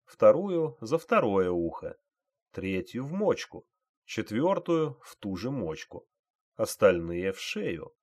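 A man reading a dramatic audiobook as narrator, in an expressive way. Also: lowish voice. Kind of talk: scripted narration.

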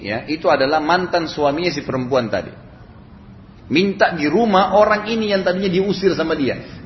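A man preaching a story-filled sermon in a large room with long reverb. He acts out the dialogue in the story, his voice rising and falling. The recording sounds dull and lo-fi, with faint noise behind him. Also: on the high side. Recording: echoey hall, dull lo-fi sound.

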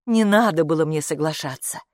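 A woman's voice: sits low, brisk, dry recording, clean studio sound, close to an everyday voice. A woman reading aloud, voicing a tired, sad mother who sighs in a children's audiobook. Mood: weary. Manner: weary, sighing.

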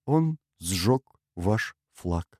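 A man's voice: fairly low pitch, unhurried, mellow, no room sound, clean studio sound. A man voicing a terrified radio operator who pleads in a trembling, barely audible voice.

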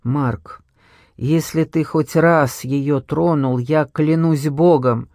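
A man's voice: a little high, fairly even intonation, slow, darkish tone, no room sound, studio quality. A man voicing a worn-down older mother, speaking in a strained, pleading way. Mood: anguished.

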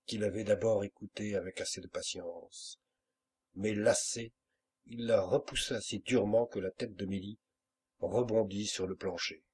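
Husky low-voiced male audiobook narrator. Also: a little mellow. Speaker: audiobook reader.

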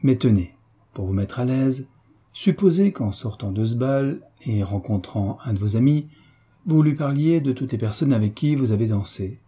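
A man's voice: medium pitch, lively intonation, moderate pace, warm tone, slightly rough. A man voicing a frank, shy young woman at a ball, earnest and hesitant.

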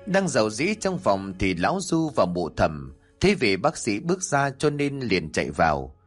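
Male storyteller, dramatic audiobook narration; low husky voice, very lively pitch. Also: normal speed, soft background music. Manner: expressive, dramatic reading.

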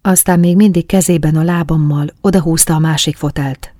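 A woman reading a first-person story aloud as an audiobook, in a calm, soft, intimate manner. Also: sits low, dry recording, clean studio sound. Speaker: audiobook narrator. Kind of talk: first-person scripted narration of an erotic story.

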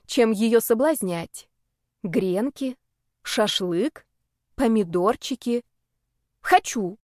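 A woman narrating a first-person audiobook in a lively, expressive way, turning indignant and playful when she speaks as the heroine. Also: on the high side, extremely slow, no echo, studio quality.

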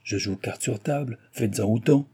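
A man voicing a scheming young woman who bargains coolly in a storybook reading, pitching his husky voice a little higher. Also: moderate pace, mellow. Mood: bargaining. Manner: cool, bargaining.

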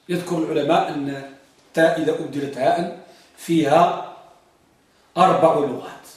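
A man with a high voice teaches a grammar lesson, pressing his students with repeated questions and stretching out example words. He is recorded from a distance in a strongly echoing classroom. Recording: very echoey room, mic far off.

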